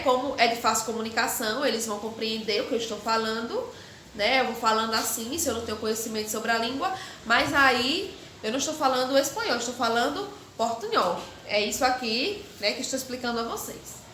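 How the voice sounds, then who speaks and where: A middle-aged woman teaching a recorded class, explaining slowly and often checking understanding with a quick question. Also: fairly high pitch, sharp tone, roomy sound, slight background noise. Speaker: Spanish teacher.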